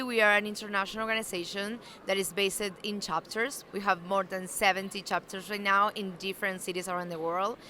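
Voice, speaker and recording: A woman with a Uruguayan Spanish accent and a bright, mid-pitched voice, feeling her way through answers with plenty of "um" and "like". A faint convention murmur sits under her. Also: slight background noise. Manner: hesitant, many "um" and "like" fillers. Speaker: interviewee, alliance member. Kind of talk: casual interview chat. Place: busy convention venue.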